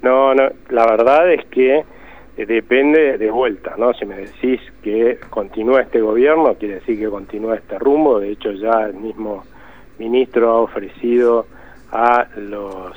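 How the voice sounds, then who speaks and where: The guest, an Argentine economist, answers interview questions at a measured pace in a mid-range voice. He stresses his points and frequently rephrases them, over a tinny phone line.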